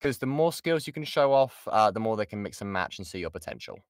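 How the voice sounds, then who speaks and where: A British voice actor runs an informal workshop over online voice chat, teaching and taking questions in a lowish, animated voice at a fast clip. He frequently restarts sentences and stresses key points, and the close-miked audio is clean, studio-like, and free of echo.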